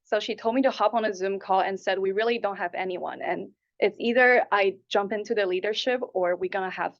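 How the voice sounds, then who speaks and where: This applicant speaks at medium pitch and a little fast, answering interview questions with earnest, conversational ease. She's a woman in her twenties from Taipei and Hong Kong, captured on dull, lo-fi audio.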